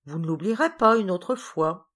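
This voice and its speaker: A woman voicing a calm, courteous gentleman who speaks politely and soothingly. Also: fairly low pitch, moderate pace.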